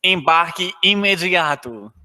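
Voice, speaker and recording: A man's voice: high-pitched, expressive, slow pace, pushed and bright, big-room sound, voice pushed down, full character voice. A man voicing a male airline pilot making a mock-formal boarding announcement over an airplane intercom. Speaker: law teacher.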